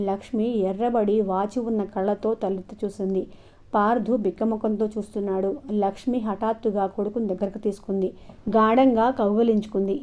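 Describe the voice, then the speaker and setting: A woman with a medium-pitched voice narrates an audio novel, telling the story in a measured, even way. It's scripted narration, captured on a dull, lo-fi recording.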